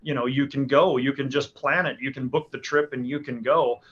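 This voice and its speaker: A man in his forties from Alaska, a hunting guide, answers interview questions casually, restarting often and using lots of fillers. His mid-range voice is steady, a bit bright, and moves at a moderate pace. The recording sounds dull and lo-fi.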